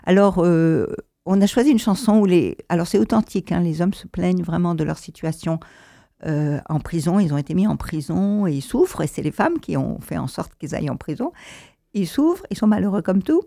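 Gravelly low-toned woman presenting songs. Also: brisk, mellow, no room sound, studio quality. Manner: hesitant, many fillers and restarts. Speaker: presenter of a show. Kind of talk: spoken introduction of songs.

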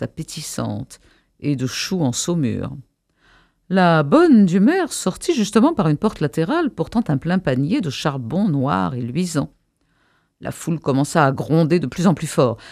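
A man presenting and reading aloud an excerpt of a novel, expressive with a few hesitations. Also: fairly high pitch, dry recording, studio quality. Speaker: radio presenter and reader.

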